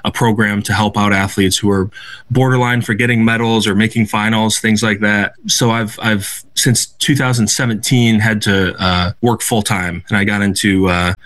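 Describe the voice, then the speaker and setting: A young American athlete appears as a guest in a radio interview, answering questions earnestly and reflectively and often restarting his sentences. His voice is lowish and a bit bright.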